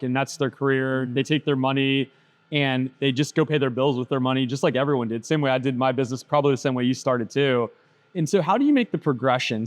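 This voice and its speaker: Upbeat casual male podcast host. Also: mid-range voice. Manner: enthusiastic, loose, says "bro" and "dude". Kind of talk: casual interview.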